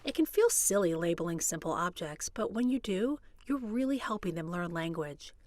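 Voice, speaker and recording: A woman presenting an educational video, explaining in a calm, clear way. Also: fairly low pitch, moderate pace, dry recording. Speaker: hospital staff presenter. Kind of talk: scripted educational narration.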